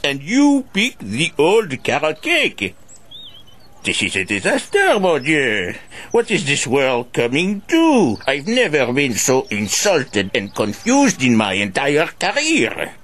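A man's voice: sing-song, slow, a bit bright, exaggerated voice. A man voicing a fussy, easily offended male pastry chef, in a dramatic, indignant cartoon manner. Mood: outraged. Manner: dramatic, indignant, wide swings in pitch. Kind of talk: cartoon voice acting.

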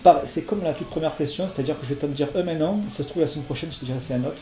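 A man's voice: a little high, very fast, warm tone, reverberant. A man hosting a casual question-and-answer video, talking hesitantly with lots of fillers and apologies. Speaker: channel host answering viewer questions. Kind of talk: casual FAQ video chat.

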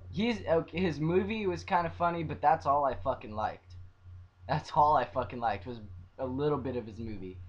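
Young man, vlogger, profane rant, constant swearing, loud-to-quiet swings, slightly high voice, dull webcam audio. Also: moderate pace. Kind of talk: profane ranting vlog.

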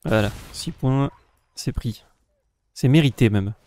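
A man's voice: medium pitch, takes it slowly. Man thinking aloud while playing. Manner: thinking aloud, counting plays, relaxed. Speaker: co-host playing the game. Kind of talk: casual gameplay commentary.

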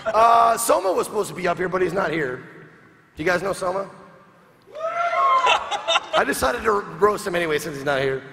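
A man's voice: high voice, wildly swooping pitch, normal speed, creaky, long pauses. A man performing a comedy roast on stage, firing off mocking punchlines and laughing at his own jokes. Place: large convention hall with live crowd. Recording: echoey hall, noisy crowd.

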